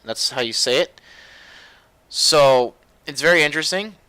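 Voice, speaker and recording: A young man giving casual, rambling gameplay commentary as a video host, getting loud and excited at times. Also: fairly high pitch, unhurried, smooth, no echo. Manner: excitable, rambling, gets loud when animated.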